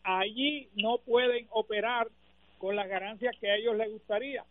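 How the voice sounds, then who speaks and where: A man's voice: high voice, fairly even intonation, moderate pace, background noise. A man with a Puerto Rican accent, a radio panelist giving a pointed, incredulous rebuttal. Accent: Puerto Rican Spanish. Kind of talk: radio talk-show debate. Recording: narrow phone-like radio sound.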